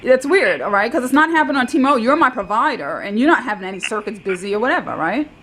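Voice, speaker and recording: Woman, customer on a call, rambling, insistent, slightly high-pitched, faint background hiss. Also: lively intonation, quick pace, a bit bright. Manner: rambling, insistent, repeats herself. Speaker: customer calling tech support. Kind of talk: phone call recorded by caller.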